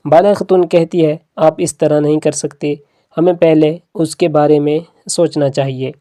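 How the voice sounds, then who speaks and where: Mellow, dry-voiced drama recap narrator. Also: medium pitch, steady tone, dry recording. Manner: reads characters' lines plainly as quotes within the retelling.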